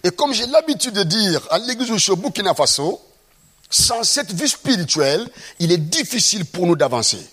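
A man's voice: sits high, fairly bright tone, breathy edge. A man preaching a sermon, acting out scenes from the Bible and asking the congregation rhetorical questions.

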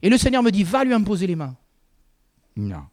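A man's voice: high-pitched, animated, rapid-fire, darkish tone. A man preaching a sermon in a conversational way, with frequent asides to the congregation.

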